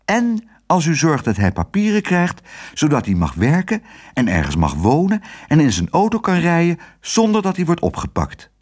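A brave little girl speaks in a high, earnest storybook voice, put on by a male reader. She is stubborn and direct, with her pitch leaping far above the reader's own. The voice swings widely as she speaks. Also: wildly swooping pitch, moderate pace. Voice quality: high, bright girlish voice. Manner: earnest, determined.

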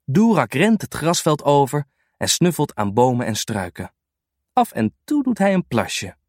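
A man reading a children's storybook aloud in an animated, unhurried way. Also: on the high side, no echo, studio quality.

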